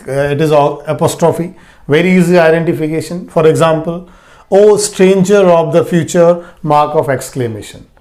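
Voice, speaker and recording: A man explaining a grammar lesson slowly, stressing and repeating key words. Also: fairly high pitch, darkish tone. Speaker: English teacher.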